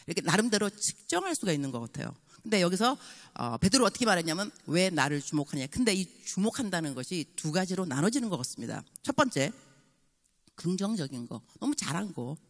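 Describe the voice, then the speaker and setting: A woman in her sixties preaching a revival sermon as a guest pastor, lively and acting out little dialogues. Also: on the low side, a little fast, in a large hall. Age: 60s. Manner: animated, mixes in English phrases and acts out dialogue. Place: church sanctuary.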